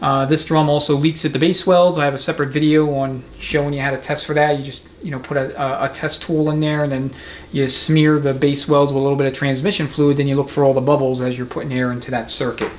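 Talking quickly in a level, mid-range voice, a mechanic demonstrates transmission repair without a script. He explains methodically but casually, and the clear noise of the indoor workshop surrounds him.

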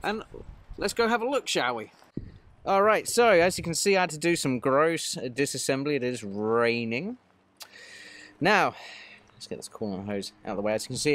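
A man's voice: a little high, a bit bright. A man in his thirties, a mobile mechanic, casually explaining a repair to a phone camera, matter-of-fact with many fillers. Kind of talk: casual work vlog narration. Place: van cab and outdoors at a vehicle in rain. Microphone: phone camera held at arm's length.

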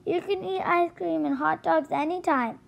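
A woman's voice: extremely high pitch, normal speed, creaky, heavily acted. A woman reading the lines of a cheerful young girl in a children's storybook, stumbling over some words.

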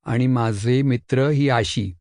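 A man voicing an eager, mischievous schoolboy who talks in a bright, pleading, chatty way. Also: medium pitch, takes it slowly, background noise. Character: mischievous helpful schoolboy, eager and quick-witted.

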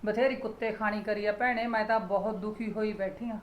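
A woman's voice: medium pitch, steady tone, fairly quick, roomy sound, close to an everyday voice, low-quality recording. A woman with a Punjabi accent playing a worried, apologetic mother-in-law who laments her son's behaviour. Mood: lamenting.

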